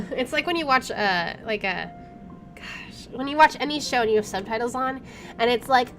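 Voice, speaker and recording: Reading a visual novel's lines dramatically and reacting offhandedly between them, this female gamer speaks at normal speed in a fairly high voice. Gentle game music plays in the background.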